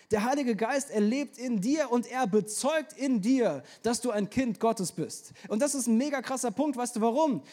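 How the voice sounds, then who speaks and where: A young adult man preaching a lively sermon to a church audience, talking casually with youthful slang and addressing listeners directly. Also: sits high.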